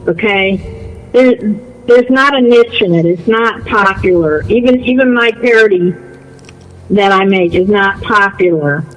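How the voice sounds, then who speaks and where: A man's voice: extremely high pitch, a bit bright, low-quality recording. A man chatting casually on a call-in, insistent and defensive, often repeating himself. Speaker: online video creator.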